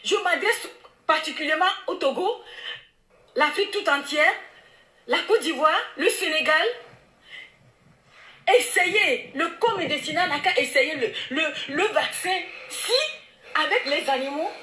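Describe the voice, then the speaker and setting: A woman's voice: high voice, a little slow, pauses often, pushed and bright, roomy sound. A woman making an impassioned, insistent public appeal. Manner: pleading, insistent.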